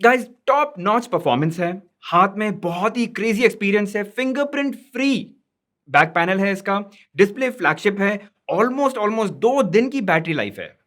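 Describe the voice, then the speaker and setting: High-voiced man reviewing a phone. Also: a bit bright. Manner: conversational, mixes English words into Hindi. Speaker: tech reviewer. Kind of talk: casual smartphone review.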